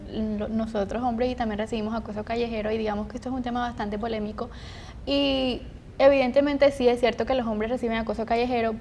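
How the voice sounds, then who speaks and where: A woman co-hosting a podcast, discussing casually in a wordy, explanatory way. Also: darkish tone. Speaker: podcast co-host. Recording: noisy, low rumble behind voice. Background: rumbling background noise.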